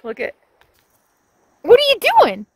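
A woman in her fifties vlogs casually from the windy high desert and inside her RV, holding her phone at arm's length, chatting and sweetly talking to her dog. Her very high voice swings hugely in pitch, a little slow and mellow, with no room sound.

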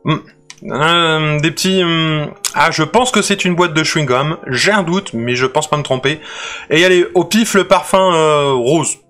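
A man's voice: a little high, moderate pace, bright, forceful tone, faint music behind. A man hosting a casual unboxing video, chatty and playful, often restarting his sentences. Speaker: unboxing channel host.

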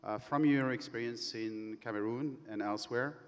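A man's voice: mid-range voice, normal speed. A man moderating a conference panel, with many hesitations and fillers, on a handheld mic in a large conference hall. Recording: long hall reverb.

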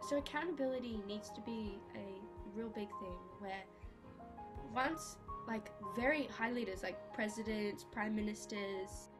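A woman's voice: mid-range voice, unhurried, music in the background. A teenage girl speaking casually, often saying "like". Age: teens. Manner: casual, uses 'like' often.

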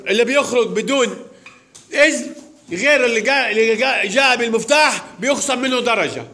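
A man teaching primary pupils, giving brisk commanding calls across a classroom. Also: extremely high pitch, pushed and bright. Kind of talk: classroom instruction. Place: large classroom. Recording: noisy classroom with clicks.

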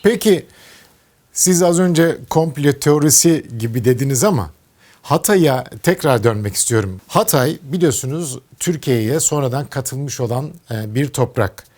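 A man's voice: mid-range voice, expressive, unhurried, a little mellow. A man with a Turkish accent interviewing a guest, asking earnest, probing questions about politics.

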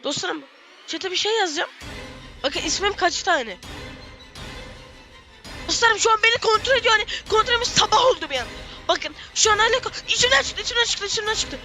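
Squeaky, frantic young gamer. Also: lively intonation, brisk, long pauses, over music. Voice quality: squeaky, shrill. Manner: frantic, repeats phrases over and over. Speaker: gaming streamer. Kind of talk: excited gameplay commentary.

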